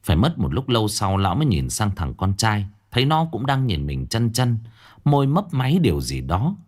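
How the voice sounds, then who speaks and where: A man narrating a ghost story in a lively storytelling manner. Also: lowish voice, brisk.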